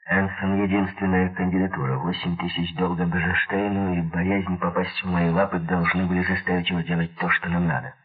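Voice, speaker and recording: A man's voice: low voice, breathy edge. A man voicing a greedy, menacing male gangster boss who barks threats, on a tinny lo-fi recording. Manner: threatening, barking.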